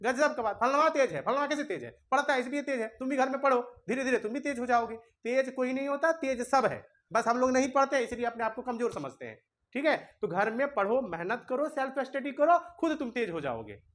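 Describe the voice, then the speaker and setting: A man's voice: very high-pitched, expressive, fairly quick, a bit bright. Guy teaching class, chatty and scolding the kids. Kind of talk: classroom lesson. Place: classroom with students.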